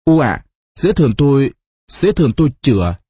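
Narrator playing a frightened young woman, stammering, pleading, husky, dry close sound. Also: mid-range voice, big pitch swings, normal speed, mellow, dry recording, dull audio.

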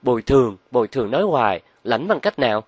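A man voicing an anxious, impatient young woman who speaks in a shrill tone in a spoken story. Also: sing-song, fast talker, a little mellow, husky, no echo. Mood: scornful.

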